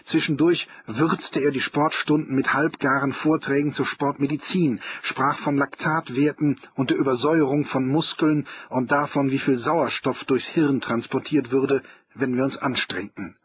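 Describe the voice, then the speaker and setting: A man's voice: medium pitch, steady tone, normal speed, dull audio, slight background noise. A man narrating an audiobook in a dry, wry storytelling manner. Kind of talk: audiobook reading of a humorous novel.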